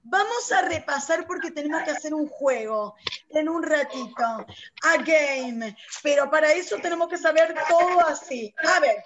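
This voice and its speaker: A woman with an Argentine accent leads an online English class, coaxing her students through vocabulary. Her voice sits high and lively. The video call audio carries a clear hiss. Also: highs cut off. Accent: Argentine Spanish. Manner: lively, coaxing, switches between Spanish and English. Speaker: English teacher. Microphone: computer mic on a video call.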